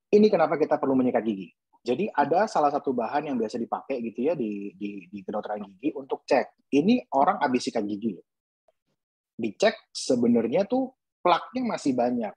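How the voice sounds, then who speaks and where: A man's voice: medium pitch, sing-song, fairly quick, a little mellow, breathy edge, no room sound, dull audio. A man who is a pediatric dentist, giving an earnest webinar talk to parents and posing emphatic rhetorical questions.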